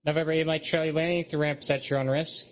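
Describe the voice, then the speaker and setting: A man's voice: fairly high pitch, little pitch movement, very fast. A man working as an air traffic controller, giving procedural radio instructions.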